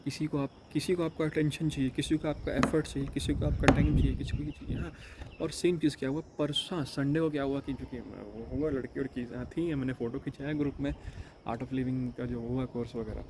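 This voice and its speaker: A man's voice: mid-range voice, steady tone, noisy background. Rambling man. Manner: rambling, retells phone calls in quick quoted bits. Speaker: yoga course teacher. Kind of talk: casual monologue.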